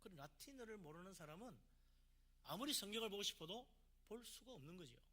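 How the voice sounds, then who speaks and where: A man's voice: sits high, expressive, fast talker, pushed and bright. A man, a pastor from South Korea, preaching a sermon with emphatic delivery and rhetorical questions.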